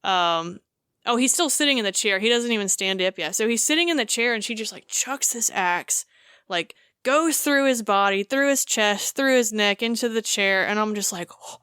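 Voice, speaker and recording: A woman co-hosting a podcast, recounting a game scene in casual chat, animated and full of fillers. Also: mid-range voice, moderate pace, clean tone, no room sound, clean studio sound. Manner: animated storytelling with many fillers. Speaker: podcast co-host.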